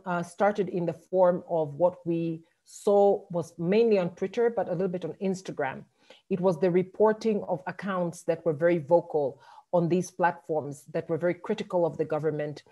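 Low, mellow Tanzanian-accented woman. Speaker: panelist, activist. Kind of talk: prepared remarks at an online briefing. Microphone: video call.

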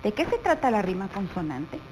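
A woman teacher with a Guatemalan Spanish accent, explaining a lesson to young pupils slowly and patiently, often asking them questions. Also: mid-range voice, very animated, noisy background. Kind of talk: televised primary school lesson.

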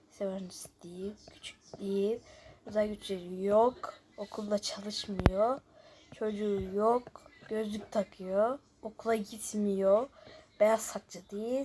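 A woman with a mid-range voice hosts a gaming video, chatting casually as she plays a guessing game. She alternates muttered, often near-whispered asides with louder, chattier remarks to viewers, and noticeable background noise with clicking can be heard.

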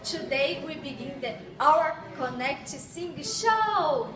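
High-voiced young woman hosting, echoey room. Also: lively intonation, slow. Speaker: host of a mock singing contest. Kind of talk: playful scripted hosting. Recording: echoey room, far mic, chatter behind.

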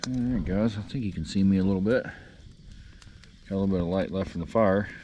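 A man's voice: low-pitched, normal speed, dark tone, a little hiss or hum. A middle-aged man from West Virginia, rambling in a casual camping vlog, talking straight to his viewers outdoors at night. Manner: laid-back, rambling, talks straight to viewers. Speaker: outdoor vlogger. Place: outdoors at night by a campfire on a dried lakebed.

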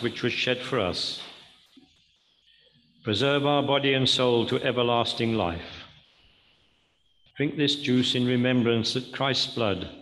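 A man leading a communion service, speaking in a measured, solemn and reverent way into a pulpit microphone. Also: mid-range voice, fairly bright tone, low-quality recording. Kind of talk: liturgical prayer and service instructions.

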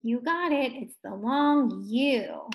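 A young woman teaching a first grade phonics lesson online, encouraging and stretching words out slowly. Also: fairly high pitch, lively intonation, creaky. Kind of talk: distance learning phonics lesson.

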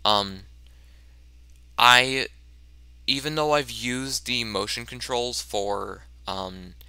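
Guy doing let's play commentary, super bright but gravelly, slow and chatty, stumbles over his words. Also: medium pitch, no echo. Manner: chatty and self-mocking, often stammering and restarting; excited yelps during tense moments. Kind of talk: casual gameplay commentary.

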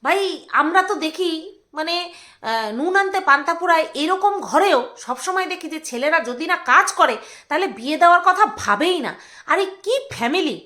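A woman's voice: very high-pitched, animated, normal speed, pushed and bright. A woman with a Bengali accent, ranting in a commentary video, scolding and mocking with coarse insults and hesitant fillers between outbursts. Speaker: commentary vlogger.

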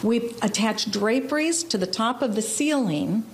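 A woman's voice: a little high, expressive, measured pace, slight background noise. A middle-aged woman, an interior designer, explaining design with enthusiasm on a live TV tour inside a large old house, into a handheld mic. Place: large historic house, indoors. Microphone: handheld reporter mic.

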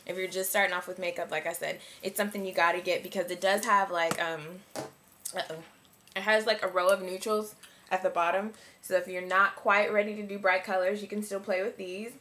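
A woman's voice: mid-range voice, flat delivery, a little fast, sharp tone, slight background noise. A young woman talking through a casual makeup review in a chatty, rambling way, full of likes and ums. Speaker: beauty vlogger.

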